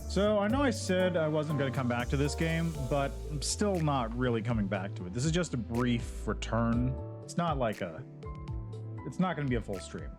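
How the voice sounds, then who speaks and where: A man's voice: mid-range voice, lively intonation, moderate pace. Rambling male streamer on a headset mic. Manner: rambling, loose, lots of "like" and restarts. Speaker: game streamer. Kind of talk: casual livestream chat over gameplay. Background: game music.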